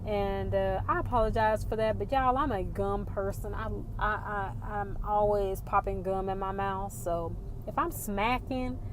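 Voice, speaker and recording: A woman's voice: medium pitch, steady tone, unhurried, few pauses. A woman chatting casually and informally as a vlogger, often repeating herself and circling back to her points. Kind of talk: casual car vlog chat. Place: inside a car. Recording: clear car and traffic noise.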